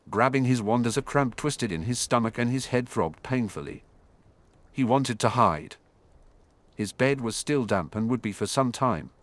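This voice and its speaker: Lively male audiobook narrator, dry sound. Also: on the low side, no room sound.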